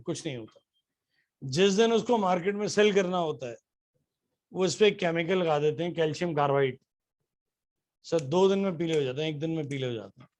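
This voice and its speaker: A man teaching chemistry to a class. He keeps asking the students questions and answers them himself, and he spells out formulas letter by letter. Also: sits high. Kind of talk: classroom lecture.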